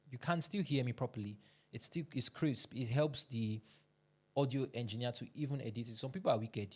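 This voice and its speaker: A man giving earnest, instructive advice to camera from a podcast studio, speaking into a studio microphone, now and then pushing out an emphatic line. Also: medium pitch. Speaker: podcast coach.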